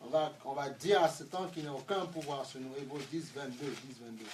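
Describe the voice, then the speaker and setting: A man preaching a sermon with fervor, dropping to hushed asides and rising to shouts, firing rhetorical questions at the congregation. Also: medium pitch, brisk. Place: church hall. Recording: echoey room, distant mic, faint noise.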